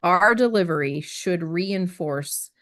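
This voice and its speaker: A woman's voice: fairly low pitch, lively intonation, slow pace, fairly bright tone. A woman presenting on a wellness team, explaining communication in an earnest, teaching way and often checking in with "right?". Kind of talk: teaching discussion.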